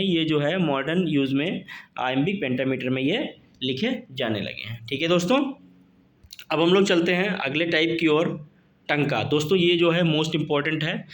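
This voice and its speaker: A man teaching an exam-prep lesson, who keeps asking his students questions and reads the English terms out slowly. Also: on the high side.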